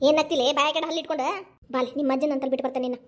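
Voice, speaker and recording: A woman playing a strict young mother, very high. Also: steady tone, lightly acted. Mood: scolding. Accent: North Karnataka Kannada. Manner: scolding, brisk. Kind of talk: cartoon voice acting.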